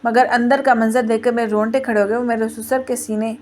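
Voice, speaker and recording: Brief: young woman, twenties, high bright voice, first-person storytelling narration. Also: flat delivery, fairly quick. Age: 20s. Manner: plain storytelling, quoting others in her own voice.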